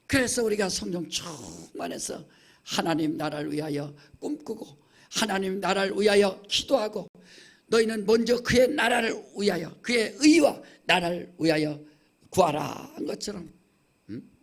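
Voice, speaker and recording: Man, middle-aged, pastor, Chungcheong accent, emphatic sermon, high voice. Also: lively intonation, moderate pace. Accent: Chungcheong Korean. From Chungcheong, Korea. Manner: emphatic preaching, frequent "응?" checks to the congregation. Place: church sanctuary.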